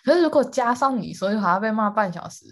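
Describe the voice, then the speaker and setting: A woman co-hosting a casual chat podcast, animated and quick to repeat words for emphasis, laughing often. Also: fairly high pitch. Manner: calls herself quick to anger. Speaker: podcast co-host.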